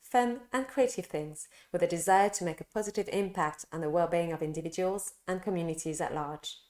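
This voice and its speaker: A woman's voice: fairly low pitch, brisk, darkish tone. A woman podcast host with a mixed French and South African accent, reading a playful scripted introduction and asking interview questions. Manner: playful, teasing asides. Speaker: podcast host, yoga teacher.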